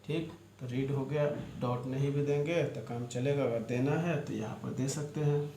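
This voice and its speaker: A man's voice: medium pitch, fairly even intonation, moderate pace, gravelly, dark tone. A man teaching a shorthand lesson online, explaining step by step and spelling words out letter by letter. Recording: echoey room with faint ambient noise.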